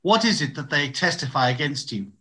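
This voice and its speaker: A man playing an accusing, indignant high priest, questioning formally in an amateur scripture drama. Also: big pitch swings, fairly quick, pushed and bright. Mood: questioning, stern. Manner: interrogating, formal.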